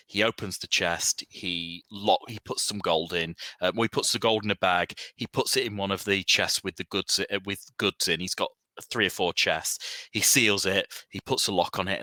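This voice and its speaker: A man's voice: deep voice, bright, forceful tone, no room sound. A man running a tabletop game as game master, describing the scene step by step.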